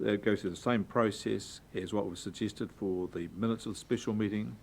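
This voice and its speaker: Gravelly low male councillor. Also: steady tone, moderate pace, a little hiss or hum. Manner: formal, clears throat. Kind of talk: procedural suggestion.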